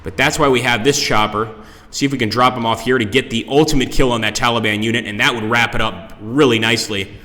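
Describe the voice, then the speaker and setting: Bright sharp-voiced guy streaming a game, chatty and excitable, swears when stuff goes wrong, big cave-like echo off a conference room. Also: mid-range voice, quick pace. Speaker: livestreamer. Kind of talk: live gameplay commentary. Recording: echoey conference room with long reverb.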